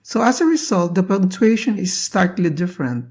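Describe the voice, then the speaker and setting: A poetry teacher hosting a lesson, explaining a poem in a deliberate, measured way with long pauses between phrases. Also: mid-range voice, lively intonation, a little mellow. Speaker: poetry teacher and channel host.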